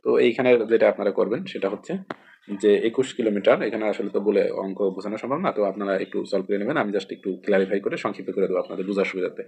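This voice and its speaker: A man's voice: on the low side, rapid-fire, vocal fry, a little mellow, husky. A man with a Bangladeshi Bengali accent, teaching an exam-prep lesson in a rambling way, repeating and spelling out words. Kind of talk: casual explanatory lesson.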